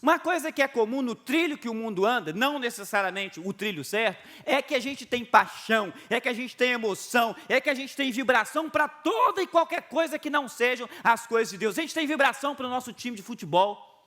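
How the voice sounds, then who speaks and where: A middle-aged Brazilian man with a Brazilian Portuguese accent, a pastor giving a video sermon and telling stories in an animated way with chuckles. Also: very high voice, brisk.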